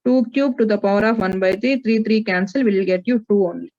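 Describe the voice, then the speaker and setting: A woman's voice: mid-range voice, fairly quick, a little mellow. A woman with an Indian accent teaching a maths class, working through problems and prompting students with questions. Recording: dull, lo-fi audio.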